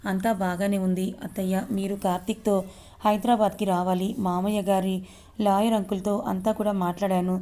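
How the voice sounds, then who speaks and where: A woman's voice: medium pitch, little pitch movement, normal speed, dark tone, lightly acted. Woman playing a firm determined young wife. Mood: earnest. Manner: firm, resolute.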